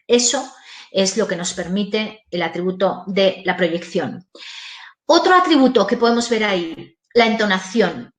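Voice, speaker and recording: A woman giving a webinar lecture on voice use for teachers, in a lively, demonstrative way. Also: medium pitch, a little slow. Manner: lively, demonstrative, varies intonation. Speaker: voice and communication trainer. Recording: roomy echo.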